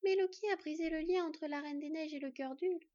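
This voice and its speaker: An icy young fox girl who speaks flat and distant, as a woman puts her on. The voice sits higher than the narration, in a dry, dull storybook recording. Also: brisk, no echo, close to an everyday voice. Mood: cold. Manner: flat, cold, detached.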